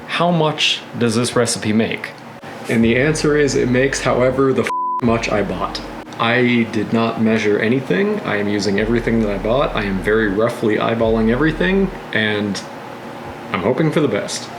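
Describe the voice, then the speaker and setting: In his home kitchen, a cooking vlog host narrates each step as he cooks, chatting casually in a laid-back, rambling, profane way. His voice is medium-pitched at a normal speed, with noise in the background.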